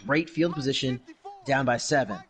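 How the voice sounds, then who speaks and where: A man calling a simulated football game in broadcast style, with brisk play-by-play that rises on big plays and quick self-corrections. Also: mid-range voice. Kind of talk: mock broadcast sports commentary over a video game.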